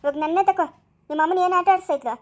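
A woman's voice: very high voice, fairly even intonation, rapid-fire. A woman playing a fierce protective sister-in-law. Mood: comforting fierce. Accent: Chikkaballapur Kannada. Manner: scolding yet comforting, forceful. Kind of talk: homemade family skit.

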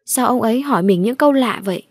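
A woman's voice: a little high, expressive, fast, a little mellow, no echo, clean studio sound. A woman voicing a frightened young village boy in a ghost story.

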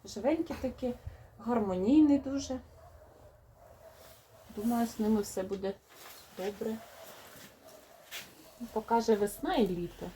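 A woman's voice: on the high side, a little slow, pauses often, mellow, slight background noise. A woman with a young child, chatting fondly to her viewers as she unpacks rose seedlings. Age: adult, has a young child. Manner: fond, chatty, talks to viewers. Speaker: rose gardening vlogger. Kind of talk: casual unboxing chat.

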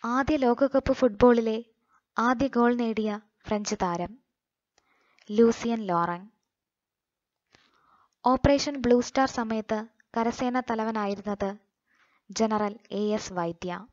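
A Malayali woman reads quiz questions and answers aloud for exam coaching, taking her time over each one. Her voice sits slightly high and the delivery stays measured. The recording is dry and a bit muffled, with no room around her. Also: no echo.

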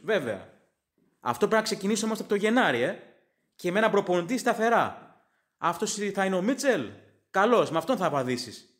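A man with a notably high voice hosts a football podcast in casual chat, reading listener comments and tossing in sarcastic, opinionated asides. His first language is English. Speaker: podcast host.

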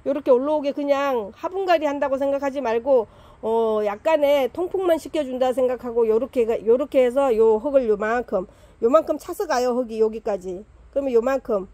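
Middle-aged woman farmer, chatty hands-on plant lesson, mellow higher voice, dry close sound. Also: brisk, dry recording. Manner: chatty, repeats points, talks to plants. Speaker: plant farm owner teaching plant care.

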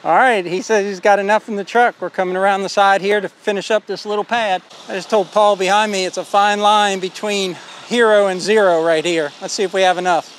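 A man's voice: sits high, steady tone, brisk, few pauses, slight background noise. Man vlogging from a rural job site. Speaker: homestead vlogger. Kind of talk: casual walk-and-talk narration. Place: outdoors on a rural building site. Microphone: phone held at arm's length.

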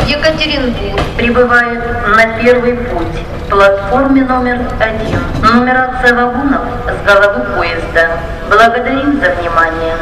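A woman making formal railway station announcements over a PA loudspeaker, repeating each notice twice in a measured way. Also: fairly high pitch. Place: outdoor railway station platform. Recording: echoey, distant PA loudspeaker with station noise. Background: trains and platform noise.

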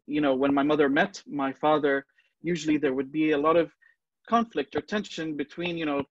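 Man, 30s, from Lebanon, halting delivery full of ums, dull dry video-call sound. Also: mid-range voice, no echo. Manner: hesitant, many ums and restarts. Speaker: museum docent and guest speaker. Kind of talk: personal talk on a virtual tour. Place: small room at home, indoors. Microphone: video call, earbuds.

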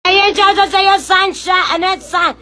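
Brash, very high-voiced woman livestreamer. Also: a little slow. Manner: brash, swearing, laughing, teasing. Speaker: online live seller. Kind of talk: livestream rant. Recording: loud music and crowd noise.

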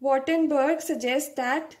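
A woman's voice: high-pitched, steady tone, slow. A young woman giving a medical lecture, explaining step by step and often checking with a "right?".

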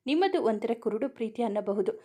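A woman voicing a calm, thoughtful young man who gives quiet advice. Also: a little high, a little fast. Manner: calm, advising.

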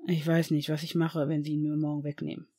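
A reader voicing a stern, brooding man, a potions master and father, speaking low with controlled anger. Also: level tone, quick pace, dark tone, lightly acted. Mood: weary. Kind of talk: audiobook fan reading.

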